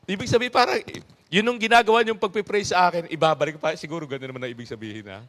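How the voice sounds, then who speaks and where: A male pastor giving a conversational sermon, animated, chuckling and tossing rhetorical asides to his congregation. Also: a little high, racing.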